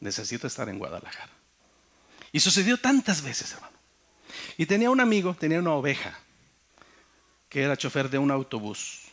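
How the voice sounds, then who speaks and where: A middle-aged man with a Mexican accent, a pastor telling his testimony in a sermon, swinging between loud and hushed. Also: medium pitch. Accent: Mexican Spanish.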